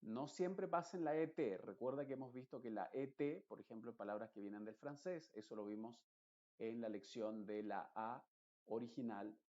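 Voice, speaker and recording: A man teaching English pronunciation in an online lesson, patiently explaining and repeating example words slowly. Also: medium pitch, a little mellow, dull audio.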